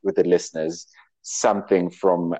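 A low-voiced man from Kenya interviews a guest casually and answers with short, laughing affirmations. His voice is close and dry, with no room sound. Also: flat delivery, normal speed, warm tone, no room sound.

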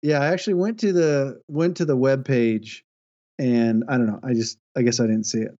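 Slightly dull lo-fi audio, man, medium pitch, easygoing, casual podcast co-host chat. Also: steady tone, moderate pace, dark tone.

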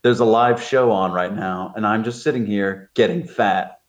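A man's voice: fairly low pitch, normal speed. A man co-hosting a podcast, reading an old letter aloud in casual chat and laughing often as he slips into comic voices. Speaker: podcast co-host.

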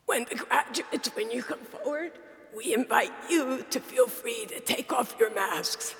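A speaker with a sultry, raspy, strained dysphonic voice gives a formal, measured ceremonial welcome as a graduation official in a chapel. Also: mid-range voice, fairly bright tone, faint music behind. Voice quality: sultry, husky sound. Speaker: university official opening a graduation. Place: large university chapel, speaking to an assembly. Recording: echoey chapel hall, long reverb.

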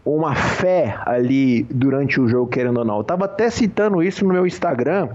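A man, a professional poker player being interviewed, talking in a relaxed, slangy way and often checking that he is understood. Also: mid-range voice, brisk, lo-fi sound. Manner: relaxed, slangy, says "cara" and "entendeu" often. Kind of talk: casual interview talk.

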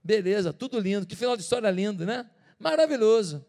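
A male pastor preaching a sermon, telling the story in an animated, dramatic way. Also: high voice, a little fast. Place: church. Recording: reverberant church hall.

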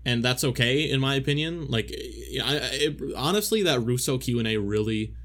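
A man's voice: mid-range voice, expressive, a little fast, fairly bright tone. A man co-hosting a podcast, talking casually about a movie with frequent restarts and fillers. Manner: rambling, many restarts and fillers. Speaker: podcast co-host.

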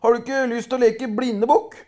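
A man voicing a clever, cocky young peasant lad who talks in a brisk, teasing, boastful way. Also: very high voice, fairly even intonation, a little mellow, voice pushed up.

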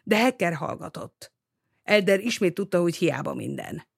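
An audiobook reader reading a novel aloud in a lively, expressive way. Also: mid-range voice, creaky, dry recording, clean studio sound.

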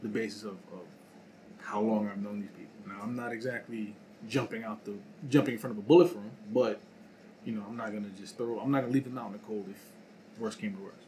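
Low-voiced man musing in casual chat. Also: steady tone, fast talker, dark tone. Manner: reflective, hesitant with many fillers. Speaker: podcast co-host. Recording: noisy room recording.

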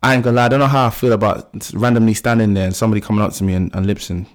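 A man's voice: on the low side, fairly even intonation, racing. A young man with a London roadman accent hosting a podcast, chatting casually in slangy British street talk. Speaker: podcast host. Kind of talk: casual bantering chat.

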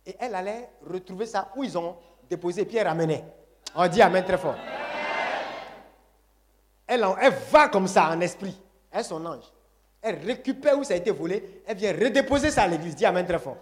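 A man's voice: high-pitched, lively intonation, brisk, a little hiss or hum. A man preaching a sermon to a congregation, emphatic and repetitive, calling on the audience to say amen. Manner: call-and-response, asks congregation to say Amen; emphatic, repeats phrases.

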